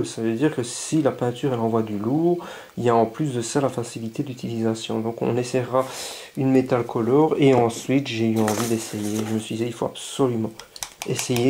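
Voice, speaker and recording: Hobbyist man, casual unboxing chat, relaxed mellow tone, eager and rambling. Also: medium pitch, a little hiss or hum. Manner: chatty, enthusiastic, thinking aloud; reads labels aloud haltingly. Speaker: scale model hobbyist.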